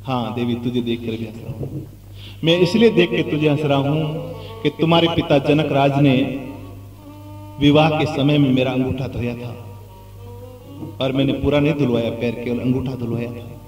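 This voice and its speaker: A male preacher voicing Lord Ram as a calm, fond divine prince in a low, measured tone. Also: natural voice. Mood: amused. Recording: echoey hall, distant mic, music.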